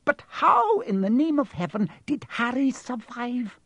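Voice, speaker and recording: Man voicing Professor McGonagall, high, indignant older witch. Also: animated, slow pace, dry recording, highs cut off. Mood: anxious, probing. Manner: emphatic, indignant. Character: stern, agitated older woman professor, shocked and protesting. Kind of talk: audiobook character voice.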